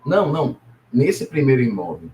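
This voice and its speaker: A middle-aged man, speaking at a middle pitch as an interview guest. He tells his experiences in a relaxed, unhurried way, stumbling over words and adding tag questions as he goes. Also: a little hiss or hum. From Salvador, Brazil. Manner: relaxed storytelling with many hesitations and tag questions. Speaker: guest, businessman and property investor.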